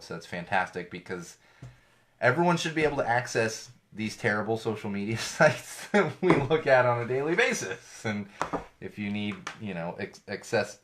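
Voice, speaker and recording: With slight background noise behind him, a podcast host speaks in a fairly low voice, chatting casually and ranting sarcastically, with swearing, about tech and social media. His voice is a touch off from an ear infection, and it's solo show talk.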